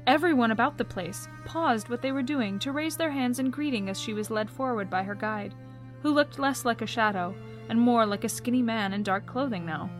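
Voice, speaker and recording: A woman giving soft, gentle, unhurried storybook narration. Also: on the high side.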